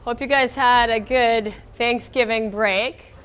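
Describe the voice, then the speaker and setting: A woman's voice: fairly high pitch, steady tone, takes it slowly, fairly bright tone, clean tone. An American woman giving an informal physics lecture, her voice weak from a cold, conversational and often checking in with her students. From southern United States. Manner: conversational, checks in with okay and all right.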